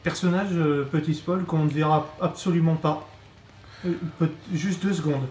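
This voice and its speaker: A man co-hosting a toy review in casual chat, explaining things in a halting way. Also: on the high side, fairly even intonation, a little mellow. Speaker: co-host presenting toy figures. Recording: echoey room, music behind.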